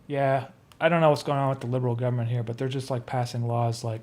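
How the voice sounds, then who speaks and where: A relaxed man talks through his work as he animates. He trails off mid-thought and chats easily with his co-host. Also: mid-range voice, fast. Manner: relaxed, thinking aloud, trailing off. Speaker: animator and streamer. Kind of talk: casual chat while animating on a stream.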